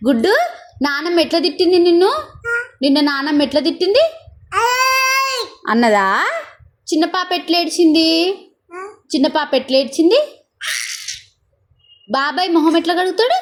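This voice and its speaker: A woman's voice: very high voice, lively intonation, moderate pace, pauses often. A young woman, talking playfully to a baby in repetitive, coaxing, sing-song questions.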